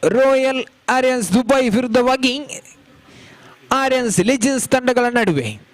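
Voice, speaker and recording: A man's voice: extremely high pitch, lively intonation, a little slow. A man giving live cricket commentary at a ground, with a flowing, formal delivery that rises on big shots.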